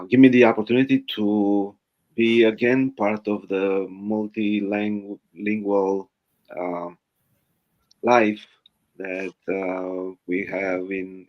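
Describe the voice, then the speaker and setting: Low-voiced man with a Romanian accent. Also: level tone, slow, muffled recording. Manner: hesitant, many fillers, earnest thanks. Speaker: guest. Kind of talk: live online interview.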